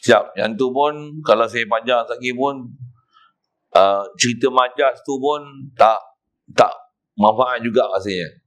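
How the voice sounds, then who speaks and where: A middle-aged man with a Malaysian Malay accent giving a kitab lesson in a prayer hall, telling stories and loudly demonstrating chanted recitations. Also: mid-range voice, unhurried. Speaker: religious teacher.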